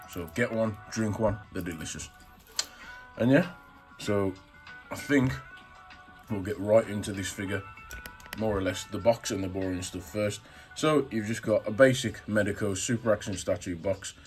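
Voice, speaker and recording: A man's voice: fairly low pitch, a little mellow. A man hosting a casual, chatty action figure review, talking informally and full of superlatives. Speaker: YouTube toy reviewer and channel host.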